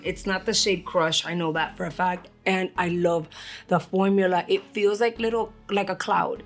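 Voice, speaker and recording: A young woman, a beauty vlogger, chatting casually through a subscription box review at home while slightly under the weather, dropping in Spanish words. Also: medium pitch.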